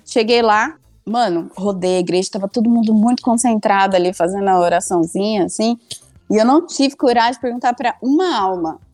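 A woman's voice: mid-range voice, a little fast, no echo, faint music behind. A young woman tells a funny story casually, acting out her own lines. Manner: animated, acts out her own past lines.

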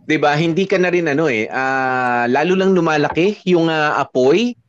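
A man of middle pitch offering earnest relationship advice in Taglish. His voice sounds dry and close, with no room around it. The recording is a little dull. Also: normal speed, dry recording. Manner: earnest, reflective, Taglish, many tag questions. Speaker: radio advice host. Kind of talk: advice talk to listeners.

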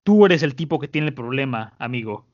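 A man with a Mexican accent voicing a gruff, combative young male swordsman, blunt and curt. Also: medium pitch, animated, a little fast, darkish tone, highs cut off, natural voice. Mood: defiant.

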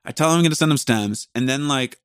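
A man's voice: mid-range voice, fast, a bit bright, clean tone, no echo, clean studio sound. A man hosting a podcast, talking casually in a rambling, self-deprecating way that jumps between thoughts. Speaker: podcast host and musician.

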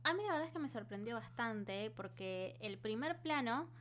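A woman's voice: a little high, animated, moderate pace, a bit bright. A woman with a Buenos Aires Spanish accent co-hosting a casual podcast in a colloquial, conversational way. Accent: Buenos Aires Argentine Spanish. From Buenos Aires, Argentina. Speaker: podcast co-host. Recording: clearly noisy with a hum.

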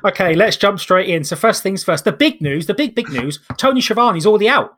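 A man's voice: high-pitched, animated, a little fast, fairly bright tone, slight background noise. A British man hosting a casual podcast chat with a jokey, sarcastic manner. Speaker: podcast host. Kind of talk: casual comedic wrestling review chat.

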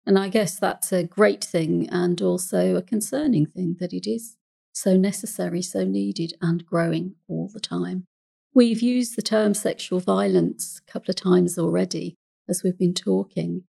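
An English woman who hosts a podcast as a counsellor, speaking calmly and carefully. Her voice is dark and mellow, with a strong gravelly fry and a husky edge. Her delivery is measured and gentle. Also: on the low side.

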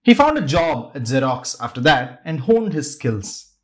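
A man's voice: mid-range voice, very animated, unhurried. A man hosting a podcast, narrating a scripted story with dramatic, varied pacing. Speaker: podcast host.

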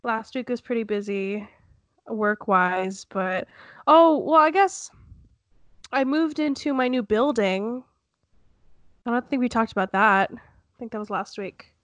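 Young woman w a stuffed up nose, kinda high voice, giggly rambling podcast chat, dry close sound. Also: animated, unhurried, long pauses, no room sound. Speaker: podcast co-host. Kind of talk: casual chat.

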